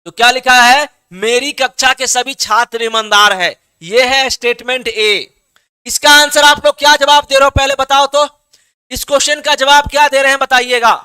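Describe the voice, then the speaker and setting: A man with a very high, bright, clear voice teaching an online exam-prep class. He reads students' answers aloud, coaxes them to reply, and keeps checking they follow. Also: moderate pace. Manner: coaxing, repetitive, checks understanding often.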